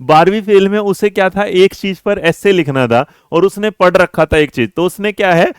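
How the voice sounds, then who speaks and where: A man's voice: high voice, moderate pace, clean tone, dry recording, studio quality. A young man giving an online exam-prep lecture in a chatty, teasing way, calling his students his children and scolding them playfully.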